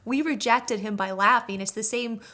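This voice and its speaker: A woman co-hosts a podcast in casual banter, her voice a touch high. She is chatty and giggly, often laughing as she tells a story. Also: moderate pace, pushed and bright. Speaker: podcast co-host.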